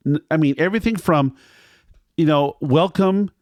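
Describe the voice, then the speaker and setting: A man's voice: mid-range voice, animated, moderate pace, no echo. A man recounting a restaurant visit in a casual, rambling way. He repeats himself and acts out what the staff said. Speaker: restaurant reviewer.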